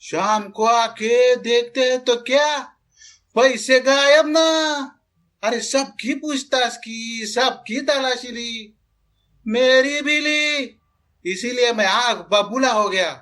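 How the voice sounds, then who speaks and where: A man's voice: very high-pitched, takes it slowly, pushed and bright, heavily acted. A man playing an agitated, middle-aged character who fussily recounts a theft in a home-performed drama. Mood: indignant.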